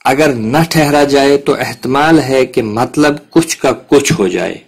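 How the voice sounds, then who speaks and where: Male Quran tutor, patient explanatory delivery, mid pitch. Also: slightly rough. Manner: patient, explains step by step with examples. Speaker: Quran tajweed teacher. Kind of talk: explanatory lesson.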